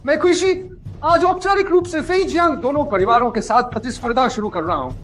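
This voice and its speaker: A man's voice: very high voice, fairly quick, a bit bright. A man voicing a wronged young man who speaks with anger and contempt in a dubbed drama. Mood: furious. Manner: angry, contemptuous. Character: furious wronged young man seeking revenge.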